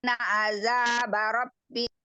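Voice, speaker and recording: A woman's voice: a little high, flat delivery, a little slow, bright, forceful tone, smooth, no echo. A woman, a Quran student on an online call, her voice glitching and cutting out. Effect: choppy glitching call audio that keeps cutting out. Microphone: video call. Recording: muffled, dry online call audio.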